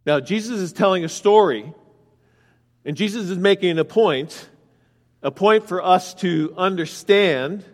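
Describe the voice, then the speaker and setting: Guy preaching in a church, kinda high voice, long echo off the hall, walks thru the verses and asks the crowd stuff. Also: unhurried. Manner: explains scripture verse by verse, asks the congregation direct questions. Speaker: pastor. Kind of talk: sermon.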